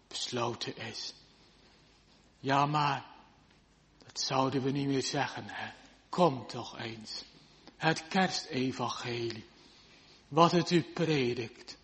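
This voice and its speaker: A man preaching a fervent sermon in old-fashioned biblical language to his congregation in a church. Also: mid-range voice. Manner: slow, fervent old-style preaching with archaic scripture. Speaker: pastor. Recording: long church reverb.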